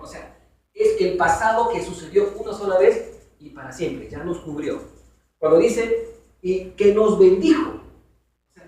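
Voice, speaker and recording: A man's voice: sits high, dark tone. A man teaching a Bible study to a congregation in a conversational way, asking his listeners questions. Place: church hall. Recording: very echoey hall from far off.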